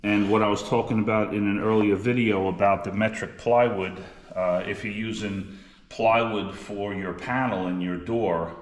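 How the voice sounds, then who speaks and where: In an echoey workshop with clear background noise, a man demonstrates cabinet making. His voice is on the low side, steady in tone, and normal in speed. He explains things plainly and practically, much like a shop class teacher.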